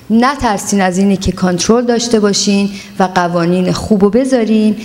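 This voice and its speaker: At a parenting seminar, a woman with a mid-range, somewhat dark voice gives earnest advice in lecture style, dropping English words into her speech. The recording carries a long hall reverb.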